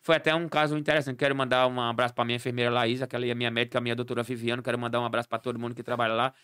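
A man, a clown and party entertainer, telling animated stories as a podcast guest and acting out the dialogue. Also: medium pitch, racing, smooth, no echo, studio quality. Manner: animated storyteller acting out dialogue, laughing often.

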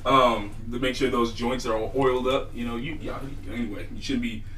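A man's voice: medium pitch, steady tone, a little fast, sharp tone, recorded from a distance, slight background noise. Laid-back man hosting a chat show in a roomy space. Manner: laid-back, rambling, laughs often. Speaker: podcast host. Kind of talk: casual chat.

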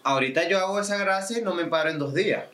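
A man's voice: high-pitched, fast, a bit bright. A man, co-hosting a casual podcast and chatting reflectively, often restarting his sentences. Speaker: podcast co-host. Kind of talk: casual chat.

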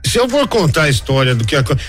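Animated storytelling man, slightly high voice. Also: fast talker, faint music behind. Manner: animated, acts out quoted voices with big jumps in pitch. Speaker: radio reporter. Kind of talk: casual storytelling.

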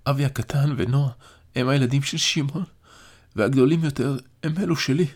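A man's voice: mid-range voice, darkish tone, pitched above the performer's own voice, lightly acted. A man voicing a grown son who speaks with emotion to his dying father in an audiobook. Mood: emotional.

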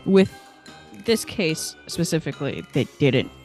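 A woman's voice: sits low, big pitch swings, unhurried, a little mellow, faint music behind. A young woman co-hosting a paranormal podcast, skeptical and laughing often in casual chat, swearing freely. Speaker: podcast co-host.

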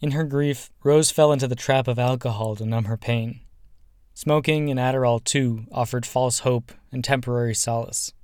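A man delivering scripted documentary narration in an even, composed way. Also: medium pitch, normal speed, smooth, dry recording, studio quality.

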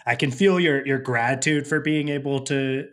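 A man's voice: mid-range voice, normal speed, fairly bright tone. A laid-back man with a nasal voice, co-hosting a podcast and poking fun at himself in casual chat. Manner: laid-back, self-mocking, laughs often. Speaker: podcast co-host.

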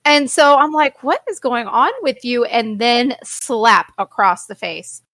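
This woman co-hosting a podcast swears freely and acts out people's words while animatedly telling a story in casual conversation. Her voice is on the high side and unhurried, with no room sound.

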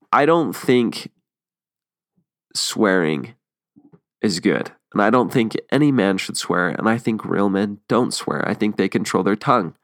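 A man's voice: fairly low pitch, fairly bright tone, no room sound. A young man talking earnestly and casually as the host of a solo podcast, chatty with frequent ums and restarts, close to the mic. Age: young adult.

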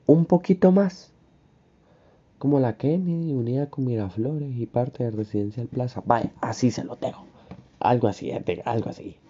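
A young man with a Honduran accent telling a personal story in a casual, slangy, animated way. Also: medium pitch, moderate pace, breathy edge. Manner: animated, slangy, acts out his own crying. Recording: dull lo-fi recording, faint music.

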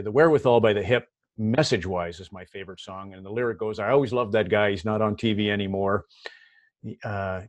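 A man's voice: on the low side, dry recording. A middle-aged Canadian man telling stories in a casual interview, often repeating words as he starts a thought. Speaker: hockey broadcaster guest.

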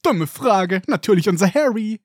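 A man's voice: high-pitched, animated, moderate pace, no echo, clean studio sound, voice pushed up. Gilderoy Lockhart, a man doing a pompous vain teacher. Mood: jovial. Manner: pompous, fatherly. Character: vain theatrical adult male celebrity teacher.

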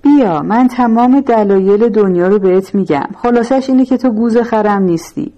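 A woman's voice: fairly low pitch, warm tone, highs cut off. A woman voicing a defiant, foul-mouthed male gangster who hurls scornful insults.

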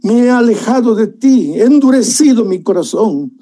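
A man's voice: very high-pitched, expressive, normal speed, warm tone, voice pushed up. A man voicing a repentant ancient king, pleading with God in tearful prayer.

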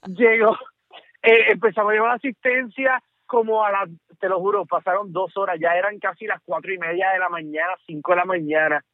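High-voiced Puerto Rican man on a phone line. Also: fairly quick, no echo. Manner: animated storyteller, repeats "¿ok?" and "te lo juro". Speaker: caller. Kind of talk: telling a story on a call-in show. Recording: tinny dry phone line.

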